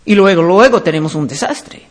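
High-voiced man preaching a sermon. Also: lively intonation, moderate pace. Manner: reads scripture passages aloud, with slips and restarts. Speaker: pastor.

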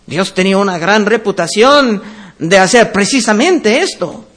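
A very high-voiced man preaches a sermon. He reads scripture aloud and then explains it, drawing out the important words. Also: expressive, normal speed, fairly bright tone. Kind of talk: sermon, Bible exposition.

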